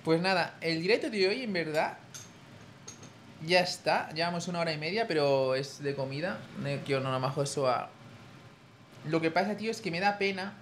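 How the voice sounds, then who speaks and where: A man's voice: fairly high pitch, moderate pace, fairly bright tone, a little hiss or hum. A young man from Spain with a Spanish accent, chatting casually with his viewers on a live stream. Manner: chatty, addresses chat as tío.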